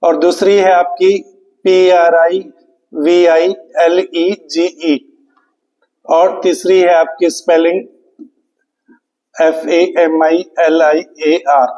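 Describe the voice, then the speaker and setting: Slow, high-voiced teacher. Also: male voice, level tone, darkish tone, reverberant, in a large hall, lo-fi sound, soft background music. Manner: slow, spells words letter by letter, repeats questions to students. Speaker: English teacher. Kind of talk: exam prep lecture.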